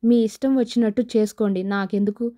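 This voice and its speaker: A woman's voice: mid-range voice, fairly even intonation, brisk, warm tone, natural voice. A woman voicing a distraught middle-aged mother who talks in a tearful, scolding way.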